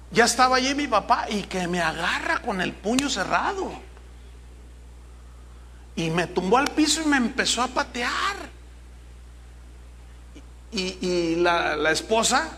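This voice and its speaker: A middle-aged man delivers a sermon from the pulpit. He pitches his voice high and presses each point with rhetorical questions. His tone rings bright and forceful, with a faint hiss of noise behind him. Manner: emphatic, full of rhetorical questions. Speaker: pastor.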